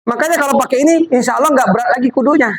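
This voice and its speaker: A woman's voice: high voice, racing, breathy edge, low-quality recording. A woman giving a live product demonstration to a group, chatty and coaxing as she directs volunteers. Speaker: MLM product presenter. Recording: audience crowd noise behind.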